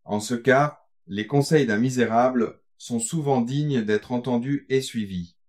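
A man's voice: mid-range voice, a little slow, darkish tone, close to an everyday voice. A man reading aloud, voicing a bitter, ruined Spanish coachman who gives solemn warnings in an audiobook. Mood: grave warning.

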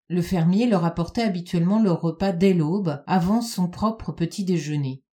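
A woman narrating a children's storybook in a calm, even reading voice. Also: on the low side.

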